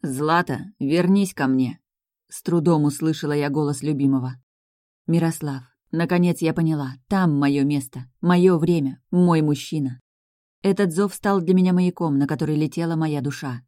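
Female audiobook narrator, measured first-person delivery, mellow tone, dead-dry studio. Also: low voice, no room sound.

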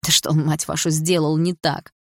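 A woman's voice: low-pitched, flat delivery, moderate pace, vocal fry, dry recording, studio quality. A woman voicing a cocky, hot-tempered teenage boy in an audiobook, swaggering and mocking. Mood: angry.

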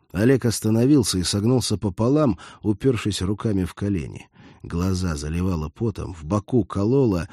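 A man narrating an audiobook in a steady storytelling delivery. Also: lowish voice, breathy edge, dry recording, studio quality. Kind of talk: scripted narration.

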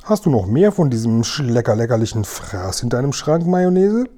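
Ein Mann, der einen riesigen, freundlichen, kindlichen Riesen spricht, der laut und aufgeregt die Wörter verdreht. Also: male voice, mid-range voice, moderate pace, natural voice. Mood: excited. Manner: loud, excited, word-mangling. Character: huge friendly male giant, childlike, mangles words.

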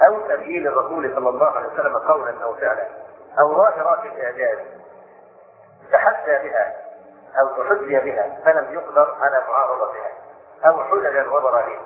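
An older man giving a spoken lesson on scripture, explaining quickly and slowing to recite verses. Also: medium pitch. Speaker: Islamic scholar giving Quran commentary. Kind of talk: spoken Quran commentary lesson. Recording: echoey room over a tinny phone-like line.

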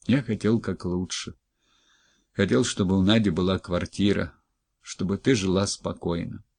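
A man playing a broken, monotone husband. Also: low-pitched, moderate pace, gravelly, no echo, clean studio sound. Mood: subdued. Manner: flat, monotone, subdued. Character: worn-out middle-aged husband, broken and quiet.

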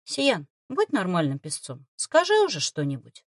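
A woman reading an audiobook voices a patient young woman who speaks calmly and gently persuades, in a close, dry recording. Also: lowish voice, normal speed, no echo. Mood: gentle.

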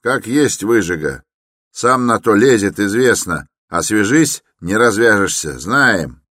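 A man voicing a huge, rough male yard-keeper in a narrated story who shouts curt, dismissive orders. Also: fairly low pitch, animated, a little slow, no echo, studio quality, voice pushed up.

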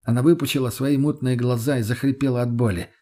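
A man narrating a first-person story audiobook in a measured, steady reading voice. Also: mid-range voice.

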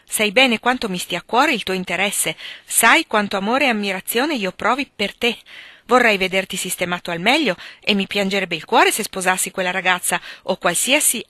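A woman's voice: medium pitch, pushed and bright, breathy edge, dry recording, heavily acted. A woman reading the lines of a doting, anxious middle-aged mother who pleads with and lectures her grown son.

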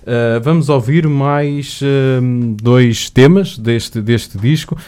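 Male radio host, mellow warm tone; relaxed, affirming chat and track intros. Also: mid-range voice, slow, smooth. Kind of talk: casual interview chat.

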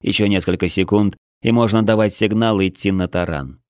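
A man narrating a first-person fantasy audiobook in a steady, measured way. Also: fairly low pitch, smooth, no echo, clean studio sound.

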